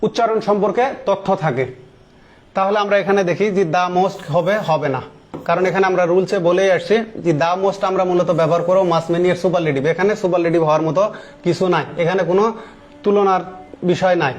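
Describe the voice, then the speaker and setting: High-voiced man teaching grammar in his thirties. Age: 30s. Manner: explains step by step, slowly spelling out English example sentences and words; repeats key words and asks the class questions. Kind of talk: online grammar lesson.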